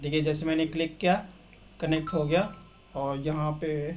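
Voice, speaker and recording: A young man whose voice is on the high side but darkish in tone speaks steadily at a moderate pace, with slight background noise. He's hosting a casual screen-share tech tutorial, walking viewers through settings step by step and using English terms as he explains.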